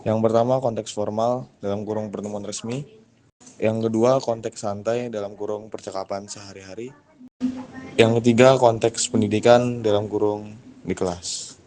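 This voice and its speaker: A man's voice: on the low side, fairly even intonation, moderate pace, dark tone. A man student reading an educational video introduction, announcing points like a list. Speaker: student presenter.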